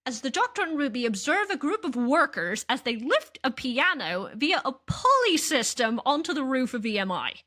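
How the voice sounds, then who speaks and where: A woman's voice: sits high, big pitch swings, normal speed, few pauses, bright, forceful tone. A woman hosting a podcast, recapping an episode casually, laughing often and acting out scenes. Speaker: podcast host.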